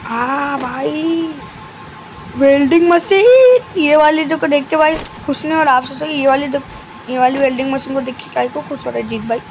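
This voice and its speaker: A man giving live commentary over his mobile game, talking deliberately quiet and chatty, constantly addressing his viewers. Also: extremely high pitch, little pitch movement, gravelly, slight background noise, low-quality recording. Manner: talks deliberately quiet and soft; chatty, keeps addressing viewers as guys and brother.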